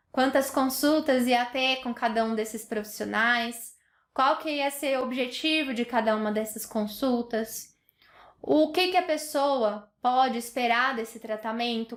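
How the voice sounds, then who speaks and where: A woman doctor with a Brazilian Portuguese accent explaining a topic in an educational talk, with many fillers and restarts. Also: on the high side. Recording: echoey room.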